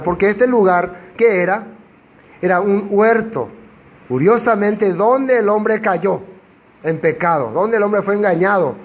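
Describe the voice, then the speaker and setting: A man teaching a Bible passage verse by verse, who asks rhetorical questions and answers them himself. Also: high-pitched. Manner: acts out quoted dialogue in changed voices.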